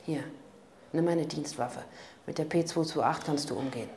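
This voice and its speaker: A man's voice: fairly high pitch, moderate pace, darkish tone, reverberant, slight background noise, natural voice. A woman reading the lines of a wry, guarded male police detective in an audiobook, in a dry, curt manner. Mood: firm.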